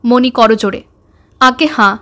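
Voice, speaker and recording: A woman reading a religious scripture aloud as an audiobook, in a measured recitation that slips into sung verses. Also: a little high, a bit bright. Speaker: audiobook reader.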